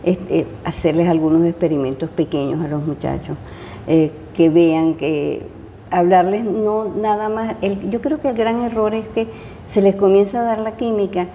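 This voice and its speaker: An older woman with a Venezuelan accent speaks in a mellow, slightly low voice. She recalls her teaching years in an unhurried interview, pausing often and restarting her sentences. Faint noise sits behind her. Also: fairly even intonation. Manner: hesitant, many fillers and restarts. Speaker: retired chemistry professor. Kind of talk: interview, casual recollection.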